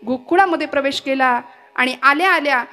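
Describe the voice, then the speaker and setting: A high-voiced woman delivers an impassioned devotional sermon and intones Sanskrit verses in a chant-like way. Faint music plays behind her. She tells her story with dramatic feeling. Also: a little fast, sharp tone. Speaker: kirtan performer.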